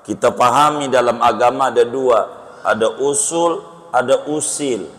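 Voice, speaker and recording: Slow-talking preacher in a reverberant hall. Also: male voice, a bit bright. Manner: joking, conversational preaching with sudden jumps in pitch. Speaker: Islamic preacher. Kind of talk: sermon.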